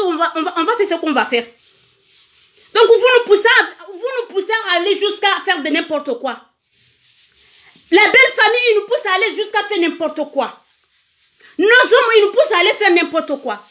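A Comorian woman speaks on a phone livestream in a very high, bright voice. She talks emphatically and repeats her points, urging viewers to send hearts and share. Her delivery is casual and insistent. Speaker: singer on a livestream.

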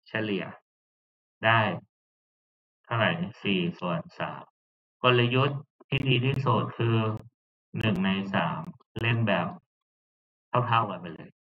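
A man's voice: lowish voice, expressive, takes it slowly, long pauses. A man giving a casual lecture, chatty and often checking that listeners follow along. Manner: chatty, checks understanding with frequent tag questions. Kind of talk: casual lecture on game theory. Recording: tinny phone-like audio.

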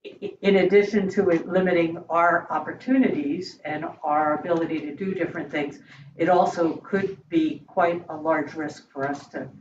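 Halting woman in an echoey meeting room. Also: deep voice, fairly even intonation. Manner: hesitant, halting, measured explaining. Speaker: library board member. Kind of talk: deliberative meeting discussion. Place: indoor meeting room around a large table. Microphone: far room mic on a video call. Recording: echoey room, distant mic, dull, faint noise.

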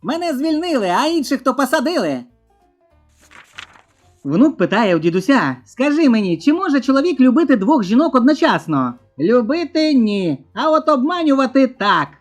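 Lively woman reading jokes over music. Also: sits high, moderate pace. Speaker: joke narrator. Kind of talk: reading a string of short jokes.

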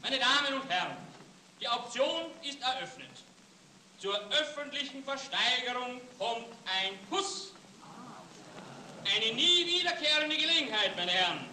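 An actor playing a formal auctioneer at a society gala, calling bids in a declamatory 1930s film style. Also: male voice, very high voice, expressive, measured pace, full character voice. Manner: loud, declamatory auctioneer's delivery. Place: large ballroom set, on stage. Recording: noisy, echoey 1930s film soundtrack, distant.

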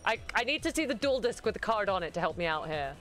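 A woman hosting a live-stream showcase, gushing loudly and yelling with excitement, swearing freely. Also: medium pitch, fast, faint music behind. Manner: loud, gushing, yells when excited, swears a lot. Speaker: host.

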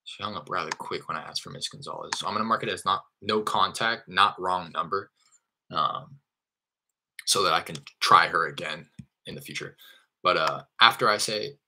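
Deep, bright and forceful, with vocal fry and a moderate pace, a man teaches cold calling as a real estate wholesaler during a live screen-share. He explains casually and chattily with the odd curse, over slight background noise.

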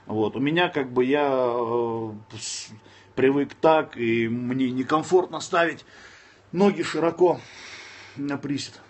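A man in his thirties from Dagestan speaks slowly at a medium pitch as he answers questions on a casual livestream, sitting in a room with his phone camera close up. Blunt by nature, he swears freely and snaps at trolls in between calm advice.

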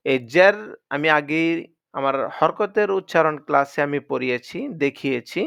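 A man's voice: a little high, moderate pace, vocal fry, a bit bright, smooth, dry recording. A man teaching Quran reading, patiently drilling letter sounds one by one. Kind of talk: spoken lesson. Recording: dry, dull lo-fi sound.

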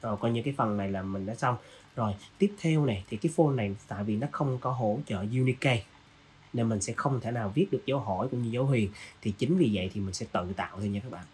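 A man hosting a design software tutorial, casually walking through each step with lots of fillers. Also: fairly low pitch, fast talker, slightly rough. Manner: casual, walks through steps with many fillers. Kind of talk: screen-recorded software tutorial.

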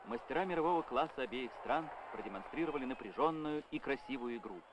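A man giving brisk, upbeat scripted narration of a hockey match, as an old Soviet newsreel voice-over. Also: mid-range voice, lively intonation. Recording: old newsreel sound over loud crowd and noise. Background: loud crowd and game noise.

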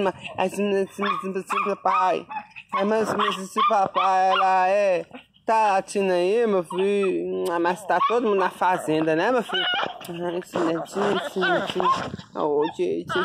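A man's voice: sits high, expressive, slow pace, very noisy. A man talking baby talk to his pet dog, cooing and sing-song, repeating the same words over and over. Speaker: dog owner. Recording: home video with loud dog barking behind. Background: dog barking.

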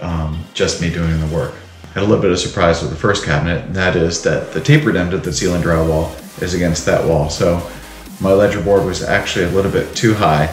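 A middle-aged man narrating his home renovation in a chatty, self-deprecating, jokey way, filmed at arm's length in his house. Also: deep voice. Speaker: home improvement vlogger. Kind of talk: casual DIY narration. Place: house interior, laundry and dining rooms. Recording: echoey room with background music.

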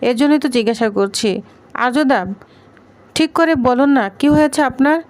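A pushy young wife who keeps pressing with questions, read by a woman narrator. The voice sits high and comes across smooth and clear. Her lines are read in an even, plain storybook manner. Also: normal speed, natural voice. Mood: insistent.

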